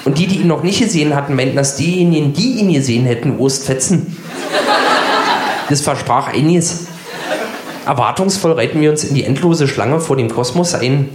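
A man's voice: on the high side, normal speed, reverberant, background noise. Wry middle-aged man telling a story. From East Berlin. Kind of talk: comic storytelling.

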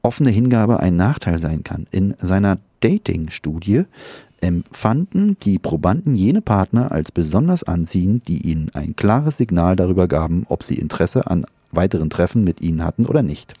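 Teasing low-voiced middle-aged man. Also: sing-song, moderate pace, dark tone, no echo. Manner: dry, teasing, reads out study quotes. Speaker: radio co-host. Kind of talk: casual chat.

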